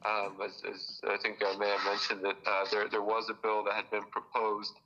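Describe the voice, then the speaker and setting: A man's voice: lowish voice, monotone, moderate pace, pushed and bright. A man giving a report to a board while heard through a phone on speakerphone, hesitant and full of "uh" and restarts. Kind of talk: reporting at a public meeting by phone. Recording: muffled phone call over a room speaker.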